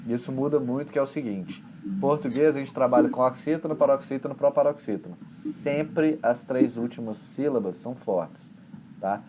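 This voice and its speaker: A man with a Brazilian accent, an English teacher explaining pronunciation in a chatty, relaxed way with homely examples. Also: mid-range voice, moderate pace, background noise. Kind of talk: conversation class explanation.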